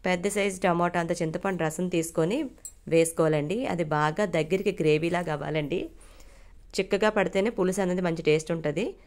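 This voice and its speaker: Woman, cooking vlog host, friendly, polite, lowish voice, step-by-step. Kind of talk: casual cooking narration.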